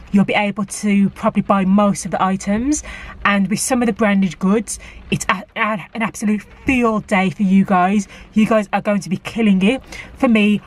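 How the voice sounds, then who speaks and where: A woman in a casual vlog, chatting to camera and giving practical tips with plenty of fillers. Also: medium pitch. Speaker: vlogger. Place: car park outside a shop, rainy.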